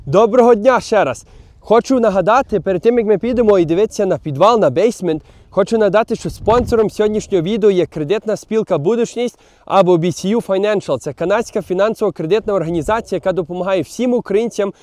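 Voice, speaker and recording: A young man vlogs a casual walking tour of a basement apartment on a handheld phone, his voice high, fast and darkish. He's chatty, full of fillers and restarts, starting outdoors in the snow before heading inside.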